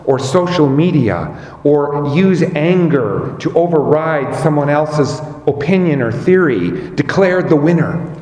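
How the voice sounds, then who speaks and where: A man preaching a sermon as pastor, slow and measured, rising on key words. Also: a little high, a little mellow, reverberant, in a large hall.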